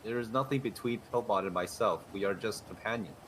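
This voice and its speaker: A man's voice: on the low side, fairly quick, a bit bright, a little hiss or hum, close to an everyday voice, poor audio. A man in an improvised game role-play, playing a man who talks like a stiff robot in formal, mechanical phrases. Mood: stiff robotic.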